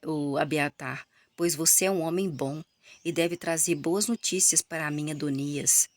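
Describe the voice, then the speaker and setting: A vain, self-proclaimed king welcomes a visitor with self-importance, as a Brazilian woman reads his lines. The voice sits a little low. The recording is dry. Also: measured pace, no room sound. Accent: Brazilian Portuguese. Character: vain male would-be king.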